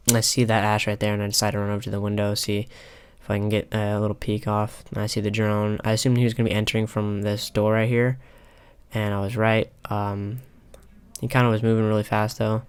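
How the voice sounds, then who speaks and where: A young man calmly talking over a replay of his own ranked match, pausing often with filler ums. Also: lowish voice, clear, resonant tone. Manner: halting, many filler ums, calm and analytical. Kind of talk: casual gameplay commentary. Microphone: console headset mic.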